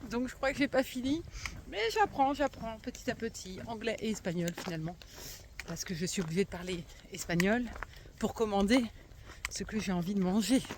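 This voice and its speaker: A woman talking casually to her phone camera while walking a countryside trail, upbeat and full of filler pauses. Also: medium pitch, background noise. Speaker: vlogger walking a pilgrimage.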